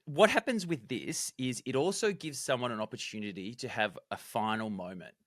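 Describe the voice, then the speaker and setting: A man co-hosting a podcast, explaining game strategy in an animated, detailed way. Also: medium pitch, moderate pace, dry recording, studio quality. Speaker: podcast co-host, former contestant. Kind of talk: casual analytical chat.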